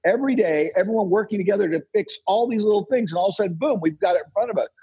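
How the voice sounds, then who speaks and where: Rapid-fire and high-pitched, with a warm tone and breathy edge, an American man speaks over dull audio. A podcast guest from the United States who is an entrepreneur and author, he gives emphatic, opinionated interview answers, insisting and repeating phrases for effect.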